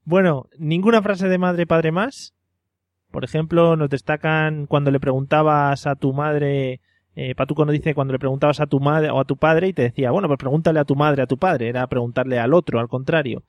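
A man hosting a casual podcast, asking questions in a relaxed, teasing way. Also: fairly high pitch, fairly quick, no echo, lo-fi sound. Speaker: podcast host.

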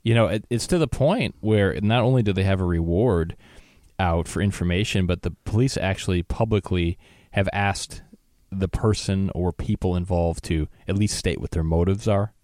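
A man with a very low voice talks through a news story with his co-host. He speaks loosely, full of ums and restarts, into a close mic with a dry sound. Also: moderate pace, a little mellow, no room sound. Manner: conversational, many fillers and restarts. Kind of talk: casual news discussion.

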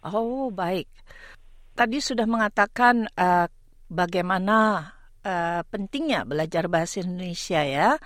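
A woman hosting a radio interview conversationally, putting her questions in an unhurried way and often rephrasing them. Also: fairly low pitch, a bit bright, dry recording, studio quality.

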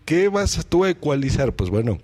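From his home mixing desk, a male podcaster walks viewers step by step through audio gear in a casual tutorial. His voice sits on the high side, sing-song and a little mellow, at a normal speed, captured by a studio microphone through a mixing desk.

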